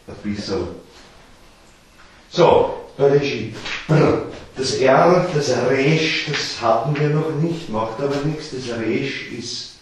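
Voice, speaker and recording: A man gives a patient, explanatory lecture to a small group of listeners. He halts often and repeats words as he works through each point. His voice sits at an ordinary pitch in a strongly echoing room with a faint hiss behind it. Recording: very echoey room.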